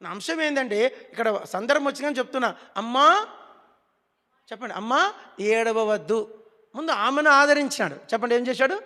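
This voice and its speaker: A man's voice: very high voice, animated, a little fast, bright, forceful tone, big-room sound. A man preaching a sermon as pastor, emphatic and scolding, who has the congregation repeat his words.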